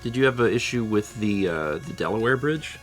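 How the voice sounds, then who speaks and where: A man's voice: lowish voice, expressive, fairly quick, faint music behind. A man hosting a casual livestream, rambling and repeating himself as he muses and reads out viewer comments. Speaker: livestream host.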